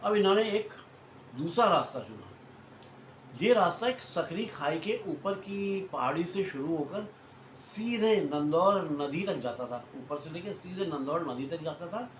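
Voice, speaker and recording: Guy telling an old hunting story like chatting with friends, kinda high voice, keeps rephrasing stuff, roomy echo. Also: animated, a little slow. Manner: chatty, repeats and rephrases points, addresses listeners as friends. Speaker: storyteller host. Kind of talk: casual spoken retelling of a hunting story. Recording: echoey room with faint noise.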